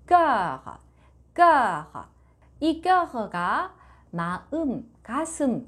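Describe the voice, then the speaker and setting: A woman teaching a lesson at an unhurried pace, her pitch rising and falling in a lively, animated way. She explains patiently and sounds out the French phrases slowly and clearly.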